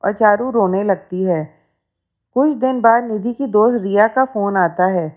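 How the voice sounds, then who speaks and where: A woman telling a family story as narrator, in a steady, plain storytelling manner. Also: mid-range voice, measured pace. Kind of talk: scripted narration. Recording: dull lo-fi recording.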